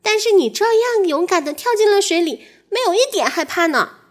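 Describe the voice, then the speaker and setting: A woman doing a sweet, high little bunny. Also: animated, a little fast. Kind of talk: children's storybook reading.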